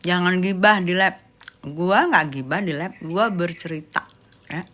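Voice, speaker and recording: A young woman chats live with her viewers, answering their comments with sassy, teasing remarks full of slang. Her voice is bright and forward. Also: on the low side, unhurried. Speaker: livestream host chatting with viewers. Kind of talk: casual live chat, reading comments.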